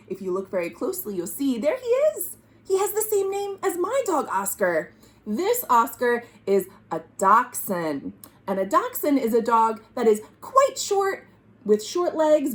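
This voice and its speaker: This United States woman runs a kids' storytime, giving an expressive reading and pausing to explain vocabulary and question the listeners. She has a mid-range voice that's a bit bright.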